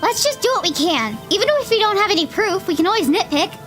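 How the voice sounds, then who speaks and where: A woman's voice: extremely high pitch, very animated, quick pace, a bit bright, faint music behind, pitched above the performer's own voice, heavily acted. A woman reading aloud as an earnest young male defense attorney, formal and pressing. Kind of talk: reading game dialogue aloud.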